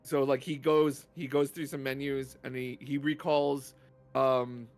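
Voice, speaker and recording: A man playing a tabletop game, improvising narration casually and haltingly as he thinks aloud. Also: mid-range voice, level tone.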